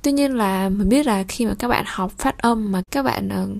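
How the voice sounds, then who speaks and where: A woman's voice: medium pitch, normal speed, vocal fry, darkish tone. Vietnamese-accented woman teaching French. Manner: explanatory, with frequent hesitation fillers. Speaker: French teacher hosting a podcast. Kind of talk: bilingual podcast lesson, alternating French and Vietnamese.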